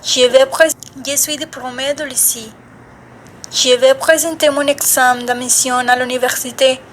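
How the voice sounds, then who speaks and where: A teenage girl, reading a self-introduction in a plain, deliberate way. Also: high-pitched, steady tone, slight background noise. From Mexico. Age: teens. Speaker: student.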